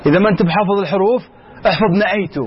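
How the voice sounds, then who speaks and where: A male grammar teacher with a high voice walks his class through the rules, asking questions and answering them himself and slipping between everyday speech and formal Arabic. He reads the text slowly before explaining it in plain words. The recording is a little dull, with faint noise behind him. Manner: mixes colloquial Arabic with formal Arabic. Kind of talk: classroom lesson.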